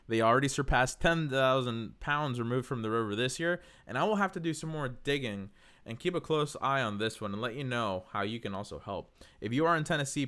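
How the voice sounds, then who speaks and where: A man's voice: mid-range voice, fairly bright tone. A young man from North Carolina hosting a podcast, delivering an upbeat scripted monologue in an earnest, encouraging way. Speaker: podcast host.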